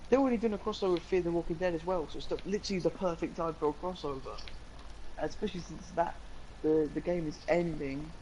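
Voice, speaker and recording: A man's voice: on the high side, fast, darkish tone, slight background noise, low-quality recording. A young man, co-hosting a casual live-stream chat, rambling eagerly with lots of fillers. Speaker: co-host.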